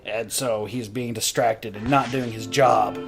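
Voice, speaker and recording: A man's voice: fairly low pitch, fairly even intonation, measured pace, creaky. A young man hosting a let's play, explaining the game in casual, profane commentary with frequent laughs. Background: game music.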